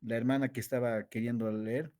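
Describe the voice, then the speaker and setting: A man teaching a theology class, reading verses aloud, stretching key words slowly for emphasis and quizzing his students. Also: medium pitch, steady tone, dark tone. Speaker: Bible teacher.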